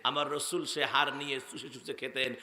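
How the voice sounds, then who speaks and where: Male waz preacher, piercing bright voice, theatrical swings, talks to the crowd, long hall echo. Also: flat delivery, fairly quick. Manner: dramatic, swings from loud outbursts to low storytelling; addresses the crowd directly. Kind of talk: Islamic waz sermon. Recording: echoey hall with long reverb.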